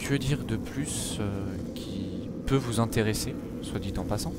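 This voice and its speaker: A man's voice: lowish voice, a little slow, heavy background noise. A young man in his late teens from France, chatting hesitantly on his gaming channel with lots of fillers and restarts. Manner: hesitant, many fillers and self-corrections. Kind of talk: casual gaming vlog talk. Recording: loud gunfire from game audio. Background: zombie shooter game sounds.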